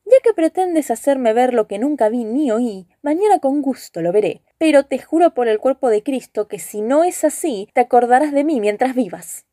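A man's voice: very high-pitched, expressive, moderate pace, few pauses, warm tone, no echo, studio quality, pitched above the performer's own voice. A woman voicing an angry, stern nobleman who speaks in a commanding, threatening way.

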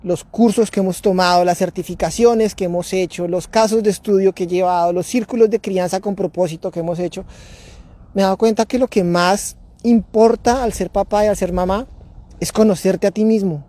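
A man's voice: sits high, steady tone, fairly quick, mellow. A man speaking outdoors in a neighborhood, hosting a parenting talk in a casual, reflective way, often repeating and restarting his words. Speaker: parenting podcast host.

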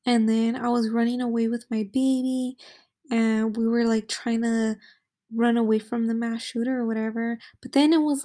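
A woman's voice: fairly high pitch, dark tone. A young woman hosting a podcast, telling a story casually and rambling, with constant "like" and filler words. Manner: rambling, heavy use of "like" and fillers. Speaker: podcast host.

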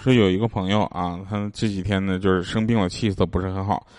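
A man's voice: sits low, steady tone, fast talker, over music. A man with a Northeastern Chinese accent hosting a podcast, telling casual, comedic stories to listeners in a jokey way with laughter in his talk. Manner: jokey, often laughing as he talks. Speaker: podcast host.

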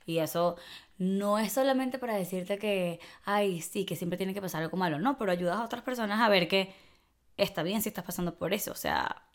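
A woman chats casually as a podcast co-host. She is animated and slips into little performed voices when she retells a story. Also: medium pitch, a little fast. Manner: animated, acts out quoted voices. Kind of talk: casual chat.

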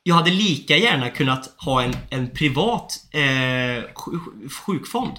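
Animated young man, bright voice, roomy echo. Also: medium pitch, slight background noise. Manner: animated storytelling, swearing, acting out phone calls. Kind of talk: casual chat.

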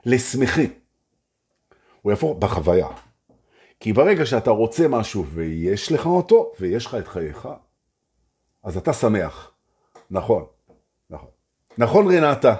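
A man leading a live motivational session as a spiritual teacher. His voice is very husky and breathy, with a mellow, warm tone. His pitch swings widely as he talks, and he repeats phrases in a playful way. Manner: animated, repetitive, playful. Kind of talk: live-streamed motivational talk.

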